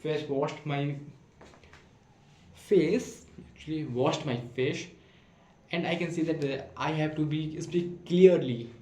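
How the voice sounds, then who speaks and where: A man's voice: fairly high pitch, takes it slowly, long pauses, warm tone. Hesitant man talking to camera, echoey room. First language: not English. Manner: hesitant, many fillers and restarts. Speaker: vlogger practicing speaking. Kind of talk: casual self-recorded monologue. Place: room at home. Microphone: camera in front of him.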